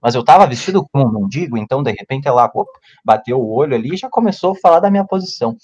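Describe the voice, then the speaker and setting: Animated man telling a story. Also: racing, breathy edge, muffled recording. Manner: animated, acts out quotes in a loud high voice. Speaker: podcast co-host. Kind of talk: casual storytelling chat.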